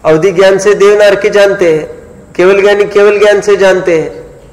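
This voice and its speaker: A man's voice: sits high, steady tone, moderate pace, darkish tone. Man lecturing in an echoey hall. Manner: keeps checking that listeners follow, asking rhetorical questions. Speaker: Jain scripture lecturer. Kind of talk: sermon-style scripture lecture. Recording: echoey hall with long reverb.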